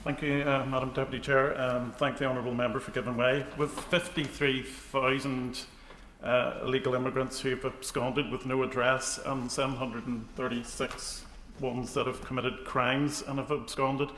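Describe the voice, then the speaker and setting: A man gives a short formal parliament speech from the floor as a member. His pitch is middling and flat, in a reverberant chamber with faint noise. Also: moderate pace. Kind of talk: parliament speech, intervening in debate. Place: large parliamentary debating chamber. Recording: echoey large chamber, background noise.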